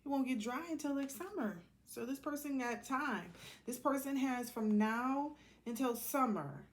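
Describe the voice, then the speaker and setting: In a high voice at a measured pace, a woman runs a collective tarot reading, improvising as she goes and talking colloquially to the cards and to herself.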